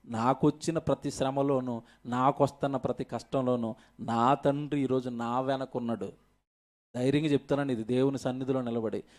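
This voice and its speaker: A man's voice: mid-range voice, steady tone, moderate pace, a little mellow. A male pastor preaching an emphatic sermon at a church service, firing rhetorical questions at the congregation.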